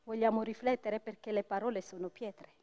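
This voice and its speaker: A woman's voice: a little high, steady tone, a little fast, dark tone. A woman storyteller and writer on a theatre stage, reading a tale expressively and speaking directly to the audience. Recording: dull lo-fi stage recording with faint music.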